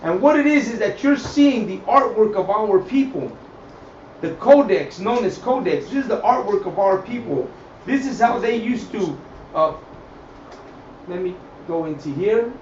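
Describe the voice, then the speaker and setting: A man with a high, slightly mellow voice teaches a religious group an improvised lesson on scripture and history, speaking unhurriedly and expressively. He is emphatic, repeats phrases, and checks in with listeners, captured on a distant, echoey, dull mic with faint noise.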